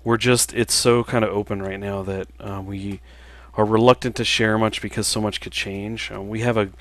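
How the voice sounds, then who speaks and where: With no room sound, a game developer in his thirties talks casually on a stream as he plays, answering viewer questions. His fairly low voice is relaxed and halting, thick with filler words.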